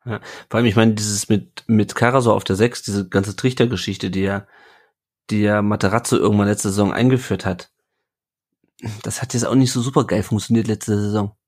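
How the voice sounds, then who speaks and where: A man's voice: lowish voice, steady tone, fairly quick, a little mellow. Chatty man hosting a football podcast. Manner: chatty, reads listener comments aloud. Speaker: podcast host. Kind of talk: casual football podcast chat.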